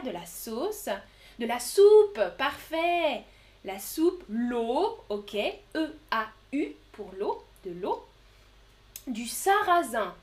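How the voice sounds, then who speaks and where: Slow, high-voiced woman teaching French. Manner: slow, clear, repeats words for learners. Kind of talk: live online vocabulary lesson.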